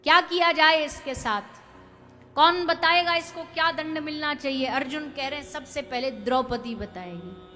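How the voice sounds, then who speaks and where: High, bright-voiced woman preaching a story. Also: steady tone, moderate pace, long reverb tail, soft background music. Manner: dramatic, swells loud for emphasis, chants verses. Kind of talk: devotional scripture storytelling.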